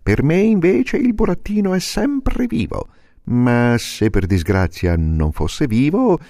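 A man's voice: a little high, sing-song, slow pace, dark tone, no room sound, studio quality, voice pushed up, exaggerated voice. A man voicing a pompous, formal owl in a storybook reading. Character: pompous learned owl doctor, male.

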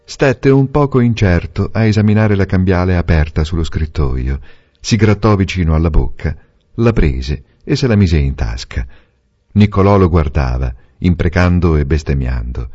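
A man narrating a novel aloud in a measured, expressive reading. The recording sounds dull and lo-fi. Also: deep voice, faint music behind. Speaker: reader. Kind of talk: audiobook narration.

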